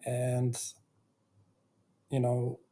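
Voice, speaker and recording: A man in his thirties telling his life story on his own channel, reflective, pausing often between phrases. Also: mid-range voice, monotone, mellow. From Bosnia and Herzegovina. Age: 30s. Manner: slow and reflective, with many pauses and fillers. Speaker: YouTuber. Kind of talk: personal storytelling vlog.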